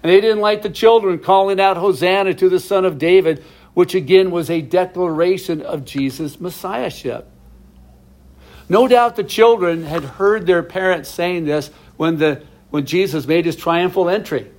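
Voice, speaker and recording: A man's voice: high voice, normal speed, a little mellow. Man teaching a verse-by-verse Bible study. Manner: explains verses plainly, with asides to viewers.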